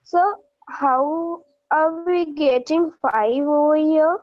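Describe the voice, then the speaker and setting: A woman's voice: high voice, slow, no room sound, highs cut off. A young woman, a student in an online class, politely asking her teacher questions and calling him sir. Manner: polite, keeps saying sir.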